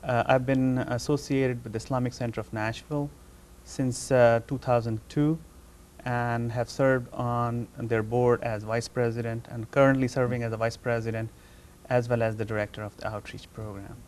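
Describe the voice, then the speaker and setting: A man from Pakistan, a neurologist, answering interview questions in a measured, explanatory way. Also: mid-range voice, flat delivery, darkish tone. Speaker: neurologist guest.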